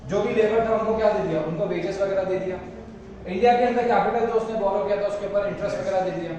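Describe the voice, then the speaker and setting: A male economics teacher giving a classroom lecture, asking questions and answering them himself, repeating key terms and mixing English terms into Hindi. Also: very high voice. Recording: echoey room, voice from far off, faint noise.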